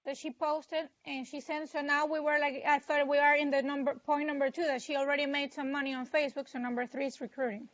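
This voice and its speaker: A woman's voice: sits high, level tone, fast talker, hardly any pauses, highs cut off. A woman interpreting in a training session, talking hesitantly with lots of "like" and restarts. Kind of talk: casual practice conversation.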